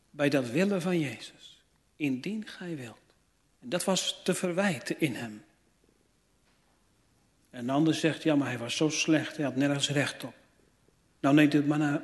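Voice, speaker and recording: Male preacher, rather high voice, slow and emphatic delivery of a sermon, recorded with long church-hall echo. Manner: slow, emphatic preaching with rising fervent appeals.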